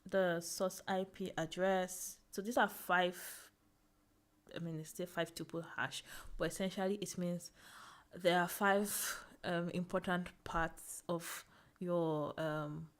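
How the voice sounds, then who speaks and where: A young woman hosts a casual screen-share lesson, talking through the material in a slightly low voice. She thinks aloud, restarts her sentences and laughs now and then at her own slips. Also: steady tone, slow. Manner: thinking aloud, fillers and self-corrections, laughs at herself. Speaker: tech tutorial host.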